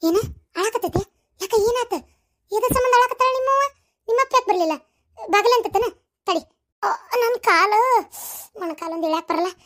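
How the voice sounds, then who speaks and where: A woman with a North Karnataka Kannada accent playing a bossy, sharp-tongued older mother-in-law in a comic family skit, scolding and mocking. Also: extremely high pitch, normal speed, pauses often. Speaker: comedy sketch performer.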